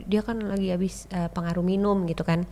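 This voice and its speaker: A woman, a podcast guest telling a personal story in a chatty, animated way and acting out the people she quotes. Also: a little fast. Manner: animated, acts out quoted people with sharp jumps in pitch and loudness; chatty, keeps addressing the host as "Mas". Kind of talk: casual storytelling chat.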